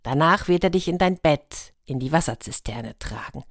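A woman's voice: low-pitched, animated, normal speed, no room sound, studio quality. A woman playing a kind giant's daughter. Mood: earnest.

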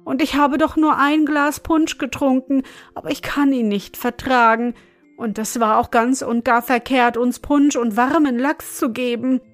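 A woman's voice: high voice, fairly even intonation, a little slow, soft background music. A woman voicing a fretful, bewildered older male councillor who complains plaintively in a storybook reading.

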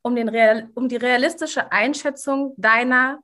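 Woman host, halting and hesitant. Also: a little high, fairly even intonation, bright, forceful tone. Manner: hesitant, many fillers and restarts, asks for agreement. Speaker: podcast host. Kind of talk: podcast conversation.

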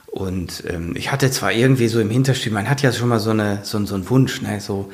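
A man's voice: fairly low pitch, brisk. A man in his fifties, a firefighter and author, telling his story in a casual interview, earnest and rambling with many fillers and restarts.

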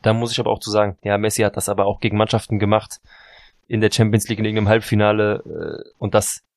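A man's voice: fairly low pitch, fairly even intonation, fast talker, darkish tone, dry recording, clean studio sound. A sleep-deprived man, rambling through a casual football podcast chat and often correcting himself. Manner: rambling, self-correcting, apologetic. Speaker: podcast co-host.

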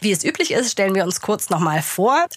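A woman co-hosting a legal podcast, speaking in a measured way with frequent fillers. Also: mid-range voice, big pitch swings, husky, no room sound. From Germany. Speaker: podcast co-host. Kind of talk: podcast intro and discussion.

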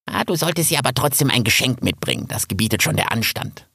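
Storybook squirrel, bossy young male, bright and husky, very animated, read by a man. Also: mid-range voice, fast, dry recording, studio quality, heavily acted. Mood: cheerful. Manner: lively, chatty, persuasive.

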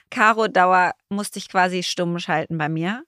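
Bright, emphatic woman podcast co-host. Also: lowish voice, dry recording, studio quality. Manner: quick, emphatic, many agreeing fillers. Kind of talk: casual chat.

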